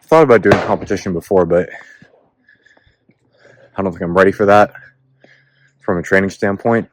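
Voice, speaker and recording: Deep-voiced guy vlogging on a hike, kinda winded, lots of uhs, noisy outdoor audio with gunshots way off. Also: steady tone, moderate pace. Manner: rambling, laid-back, lots of filler words. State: out of breath. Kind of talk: casual vlog talk while hiking. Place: outdoors on a hiking trail. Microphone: self-filming camera. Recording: noisy outdoor recording, gunfire. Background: distant gunfire from a shooting range.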